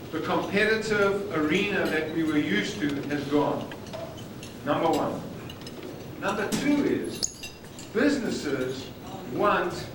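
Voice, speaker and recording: A man with a South African accent and a voice that sits high presents at a conference, stressing key words emphatically. It's a distant recording on old videotape, made in an echoey hall with dining noise filling the noisy background.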